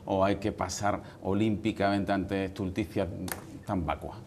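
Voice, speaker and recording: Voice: deep voice, little pitch movement, measured pace, creaky, darkish tone, a little hiss or hum. A TV host interviewing a guest, asking questions in formal, elaborate wording.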